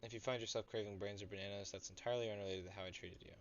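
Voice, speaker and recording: A man reading aloud the lines of a dry-humored young woman medic, in a deadpan way. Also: on the low side, racing, close to an everyday voice. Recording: dull lo-fi audio, faint music.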